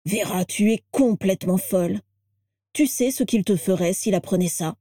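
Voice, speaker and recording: A shaken male wizard blurts out shocked reproaches in a mellow, dark voice, as a woman narrator puts him on. The sound is close and dry. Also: mid-range voice, normal speed, no room sound, natural voice. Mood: reproachful. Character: stunned, jealous wizard, man.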